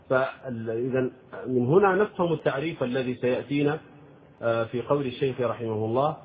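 A man teaching the rules of Quran recitation in a measured lecture, demonstrating sounds and questioning his students. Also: medium pitch. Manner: explains slowly, demonstrates pronunciation, asks students questions. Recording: tinny lo-fi phone-like recording, faint noise.

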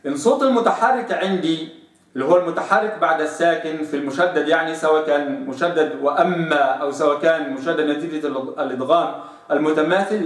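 A man with an Egyptian accent teaching recitation, who explains each point and then drawls out sample sounds slowly in a lower voice. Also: distant mic. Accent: Egyptian Arabic. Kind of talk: tajweed lesson. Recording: echoey room, voice off-mic.

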